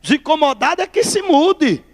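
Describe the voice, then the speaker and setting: A man voicing a small, fearless male pastor who answers calmly and without worry. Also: extremely high pitch, normal speed, pitched above the performer's own voice.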